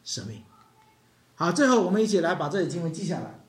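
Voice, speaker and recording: A male preacher giving an animated sermon who keeps questioning the congregation and acts out stories. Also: high-pitched, quick pace. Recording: echoey room.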